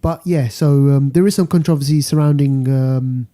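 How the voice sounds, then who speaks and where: A man's voice: medium pitch, moderate pace, a crowd in the background. A British man hosting a casual film podcast, talking through rankings informally and repeating phrases for stress. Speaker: podcast host. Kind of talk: casual box office rundown.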